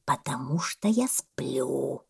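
A woman voicing a sleepy male boa snake who speaks slowly in a low, hushed half-whisper. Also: lively intonation, vocal fry, slightly rough, full character voice. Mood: calm drowsy.

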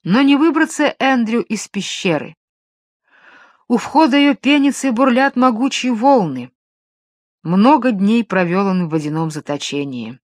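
Calm woman reading a fairy tale. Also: on the high side, no room sound. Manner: calm, measured storytelling. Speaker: storyteller. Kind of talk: scripted narration of a fairy tale.

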